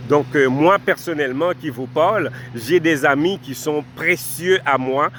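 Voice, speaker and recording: A little slow and somewhat high-pitched, this man's fairly bright voice carries a bit of hiss or hum. Born in Haiti with Haitian Creole as his first language, he's a vlogger sharing heartfelt life advice outdoors, speaking to the camera, addressing viewers formally and going back over key points for emphasis.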